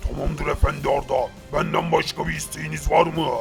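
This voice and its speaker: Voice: mid-range voice, flat delivery, fairly quick, creaky, soft background music. A performer voicing a mocking, boastful ghostly villain in a game story who bows to his master. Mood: mocking menace. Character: menacing ghostly game villain, now servile.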